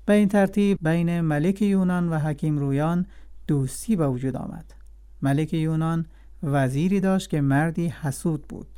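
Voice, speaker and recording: A man narrates an old tale in a steady, evenly paced storybook manner. His voice is a bit higher than most men's and sounds soft and mellow. It is scripted narration, read aloud with care. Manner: steady, clear storybook telling.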